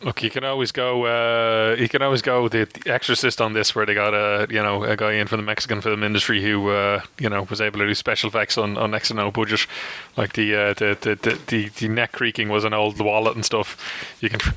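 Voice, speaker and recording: A man's voice: on the low side, monotone, brisk, sharp tone, clear, resonant tone. A man co-hosting a podcast in casual chat, rambling with repeated words and restarts. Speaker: podcast co-host.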